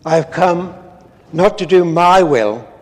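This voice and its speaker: An older man, a priest preaching a measured, earnest sermon read from notes in a large stone church. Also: high-pitched, lively intonation. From England. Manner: measured, earnest, with solemn pauses. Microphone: far camera, no visible mic. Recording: long church reverb.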